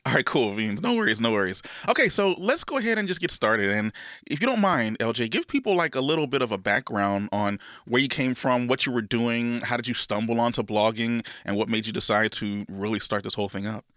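At medium pitch, a man speaks expressively and briskly with a fairly bright tone, in a studio-quality recording without room sound. He hosts a casual podcast intro and interview, sounding slightly congested from a cold, enthusiastic and prone to rambling restarts.

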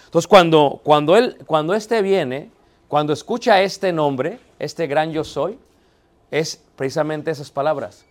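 A man's voice: fairly high pitch, unhurried. Man teaching theology. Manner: checks in with the class through questions; poses rhetorical questions and answers them himself. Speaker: Bible teacher. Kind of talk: theology class lecture.

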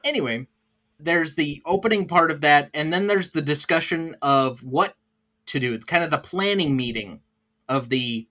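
A man's voice: a little high, moderate pace, pushed and bright. A man hosting a casual film podcast, running through scenes and stammering at times. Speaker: podcast host.

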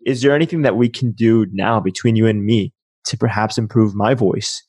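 A man's voice: on the low side, normal speed, a little mellow, husky, dry recording. A man hosting an interview podcast, asking reflective questions about the voice and building on the guest's points. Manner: thoughtful, asks reflective questions. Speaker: podcast host. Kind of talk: interview conversation.

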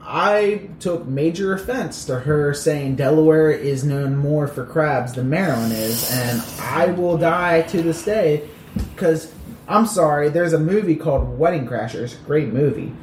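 A man's voice: on the high side, measured pace, darkish tone, distant mic, a little hiss or hum. Bantering man in an echoey room. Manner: joking, playfully argumentative. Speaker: podcast guest, baseball front office staffer. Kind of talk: casual chat over beers.

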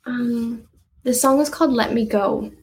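A young woman talking casually about her music in an interview, chatty and quick to laugh, with lots of "like" in her speech. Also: fairly high pitch, rough recording. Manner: chatty, uses "like" a lot, laughs easily. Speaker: guest musician.

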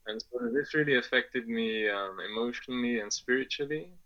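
His mid-range voice sounds pushed and bright at normal speed, though the audio is dull. The speaker is a man in his twenties, Afghan-born and raised in England, offering casual interview answers on a podcast full of fillers, restarts, hesitation, and frequent laughter.

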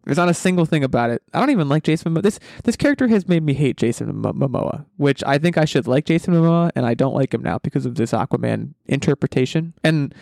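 A man's voice: a little high, animated, fast talker, vocal fry, few pauses, darkish tone, dry recording, studio quality. A man hosting a casual pop culture podcast, speaking in an opinionated, emphatic way and often restarting his sentences. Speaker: podcast host. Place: basement room at home.

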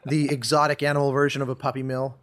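A man hosting a casual interview with a fellow composer, joking and trading quick banter. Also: medium pitch, little pitch movement, a bit bright, no room sound.

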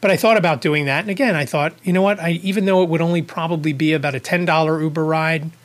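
A man's voice: a little high, fairly even intonation, fast talker. A man hosting his own podcast, telling a story in a casual, rambling way, correcting himself and chuckling at his own asides. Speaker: podcast host.

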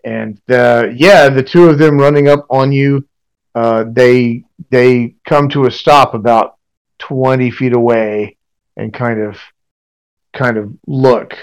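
A man runs a tabletop role-playing game as game master. His mid-pitched voice describes scenes haltingly, assembling them piece by piece as he talks. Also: steady tone, clean tone, rough recording.

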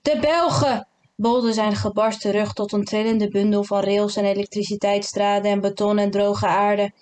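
Calm woman reading a literary novel. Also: mid-range voice, normal speed, clear, resonant tone. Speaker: narrator. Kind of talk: literary audiobook narration.

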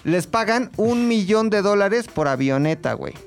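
A man's voice: high-pitched, expressive, moderate pace, faint music behind. A Mexican man chatting casually on a podcast, telling a story in heavy slang. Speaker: podcast host. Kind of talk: casual chat.

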